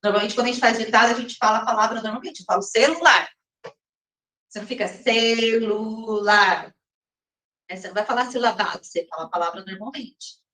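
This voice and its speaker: A woman teacher explaining step by step in a recorded lesson, often checking in with her listeners and reading some passages slowly. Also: fairly high pitch, bright, forceful tone. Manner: slows down and reads some passages slowly, as if from a text. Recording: roomy echo, mic at a distance.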